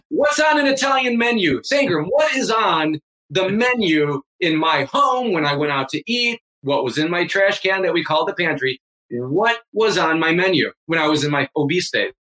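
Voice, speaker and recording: In a low-quality recording, a high-pitched, bright and forceful male voice delivers energetic motivational talk. He is a fitness coach in his fifties, speaking emphatically as a guest on a remote interview.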